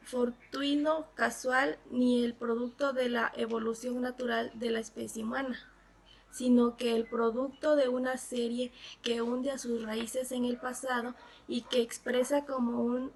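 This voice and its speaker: A woman's voice: fairly high pitch, creaky, rough recording. A woman panelist giving a scripted academic presentation in formal language.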